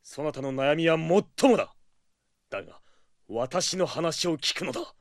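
An actor playing a pompous, earnest older brother who poses as a masked knight of justice, speaking in formal, grandiose phrases in an audio drama. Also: male voice, on the high side, expressive, normal speed, no echo, studio quality. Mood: preachy, self-assured. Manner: formal, archaic, theatrical and grandiose. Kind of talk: Japanese audio drama acting.

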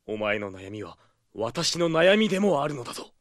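An actor playing a pompous, earnest older brother who poses as a masked knight of justice, speaking in formal, grandiose phrases in an audio drama. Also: male voice, mid-range voice, big pitch swings, normal speed, no echo, studio quality, close to an everyday voice. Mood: earnest, brotherly. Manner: formal, archaic, theatrical and grandiose. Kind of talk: Japanese audio drama acting.

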